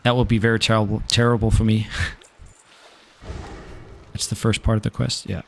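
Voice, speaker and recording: With vocal fry and a little hiss or hum on the recording, a young Danish man speaks at normal speed in a level, lowish voice with a Danish accent. He's casually chatting to viewers while streaming a game, relaxed and swearing occasionally.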